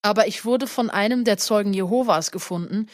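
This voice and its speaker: A woman voicing a slow, solemn old man. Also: mid-range voice, dry recording, clean studio sound, close to an everyday voice. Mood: weary. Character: old man, stiff, weary, pleading. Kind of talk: audiobook character reading.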